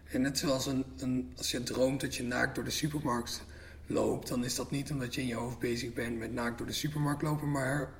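Male podcast host with a gravelly edge; easygoing, self-mocking delivery. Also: mid-range voice, moderate pace. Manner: relaxed, chatty, self-mocking. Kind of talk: casual podcast interview and outro.

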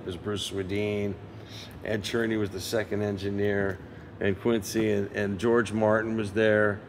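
A man's voice: fairly low pitch, slight background noise. An older man, a session guitarist, telling stories in a casual interview and animatedly acting out the people he quotes. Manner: animated storyteller who acts out quoted voices.

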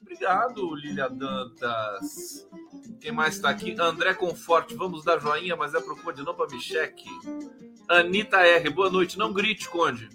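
A man's voice: on the high side, animated, unhurried, music in the background. A man with a Brazilian Portuguese accent hosting a live stream, chatting casually, greeting viewers by name and commenting on politics. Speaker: live show host.

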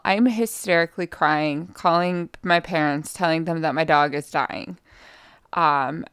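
Hosting a podcast from home, a young woman talks into a podcast microphone with a lowish, smooth voice, and the studio-quality sound has no echo. The solo monologue is candid and rambling, frank and profane, with plenty of fillers.

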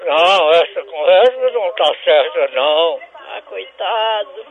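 A man playing a cranky, suspicious old father who answers the phone gruffly and hurls insults. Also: sits high, lively intonation, a little slow, dull audio. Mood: irritated. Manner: gruff, insulting, keeps demanding who is calling. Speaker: prank call character. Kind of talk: comic radio prank call.

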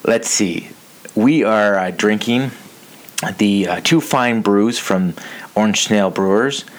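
A podcast host in his thirties with a fairly low voice. He talks in a casual, conversational way, like he is chatting across a table. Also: slow pace. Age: 30s. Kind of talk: casual chat.

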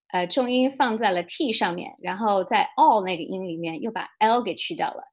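Woman lecturer, native Chinese speaker, gravelly voice, breaks down English words one by one. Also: mid-range voice. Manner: analytical, demonstrates English words. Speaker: speech therapist. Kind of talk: lecture analysis.

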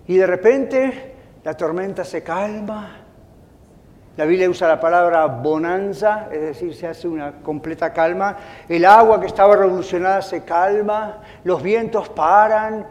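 A middle-aged male pastor preaching with a high, bright-sitting voice. He tells his stories in a lively way and acts out the voices in them. The sound rings out with the long echo of a church hall. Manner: animated storytelling, acting out quoted voices. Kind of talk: sermon.

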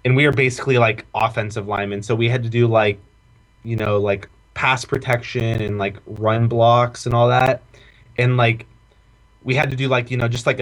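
A man's voice: medium pitch, a bit bright. A young man talks in loose, casual chat. He rambles through the story with "like" in every line and swears freely. He sounds like a former college football player remembering his coach. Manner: rambling, heavy "like" filler, profane. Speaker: podcast co-host, former college football walk-on.

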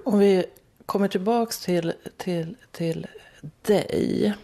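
Woman, interviewer, calm measured questions, mid pitch. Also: gravelly.

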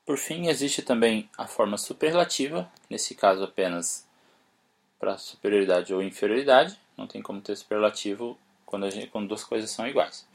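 A man with Portuguese as his first language giving a casual spoken English lesson, spelling words out letter by letter and slowing down for his example sentences. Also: lowish voice, lively intonation, vocal fry. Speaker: English teacher, podcast host.

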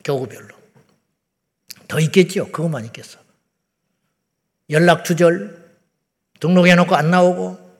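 A middle-aged male pastor preaching a sermon in a blunt, conversational way, firing rhetorical questions and then dropping to a low, quiet voice. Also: unhurried, long pauses. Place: large church sanctuary. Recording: long reverb of a church sanctuary.

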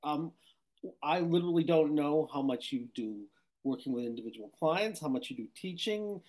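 A man hosts a podcast in a chatty, eager way. His voice sits a little high and sounds warm and mellow, and he often leans on the word "literally.". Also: animated, moderate pace, low-quality recording. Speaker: podcast host. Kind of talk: casual interview conversation.

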